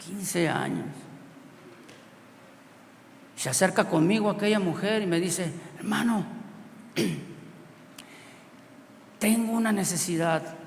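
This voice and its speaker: A Mexican preacher with a high-pitched, gravelly voice tells a storytelling sermon from the pulpit, speaking a little slowly with long pauses. Animated and often laughing, he swings between shouted lines and hushed, chuckling asides. His voice echoes through a big hall with long reverb over a faint hiss.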